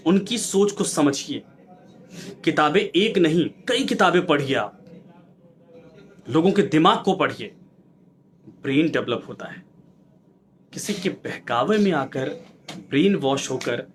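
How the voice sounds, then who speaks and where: A man's voice: medium pitch, a bit bright. A male news anchor giving an impassioned, preachy commentary, exhorting viewers and firing off rhetorical questions.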